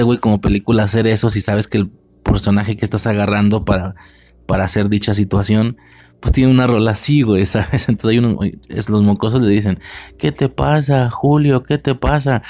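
A young Mexican man talks through a film in a loose, rambling commentary, peppered with slang and fillers. His voice sits low and mellow, with a little music under it. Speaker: podcast host reviewing a film. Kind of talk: casual spoken film commentary.

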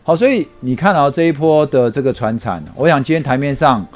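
A man's voice: medium pitch, lively intonation, brisk, over music. A man with a Taiwanese Mandarin accent talks as a stock analyst. His voice sits in a middle register, and he explains in a conversational way, checking in with rhetorical questions. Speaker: stock market analyst and guest. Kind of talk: conversational stock market commentary.

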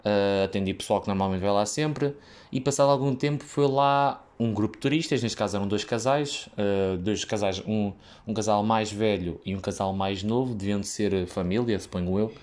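A young man with a European Portuguese accent and a lowish, slightly mellow voice, speaking at normal speed, tells a casual, rambling story about working as a waiter. It's full of fillers, restarts and tangents.

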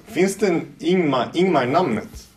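A man's voice: a little high, expressive, recorded from a distance, background noise. A man hosting a casual podcast quiz, hesitating with fillers as he talks. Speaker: podcast host running a quiz.

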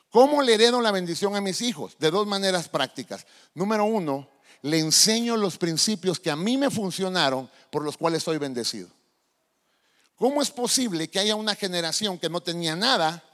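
A male pastor preaching a sermon, animated and asking the congregation questions. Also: high-pitched. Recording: long hall reverb.

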